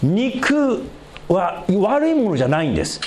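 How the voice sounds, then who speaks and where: A male pastor delivers a sermon, his voice leaping high and dropping low all the time. He sits a bit above the usual male pitch, and there is a faint hiss of noise behind him. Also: a little slow. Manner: animated preaching with big pitch swings and light laughter.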